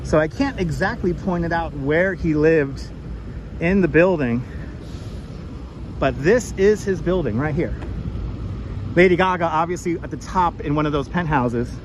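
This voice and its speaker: A man's voice: on the high side, unhurried, pauses often. A man giving a live walking tour to online viewers, with a projected tour guide delivery as he points out sights outdoors. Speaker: tour guide and livestream host. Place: outdoors on busy city streets and park edge. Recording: clearly noisy outdoor street recording. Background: traffic and urban street noise.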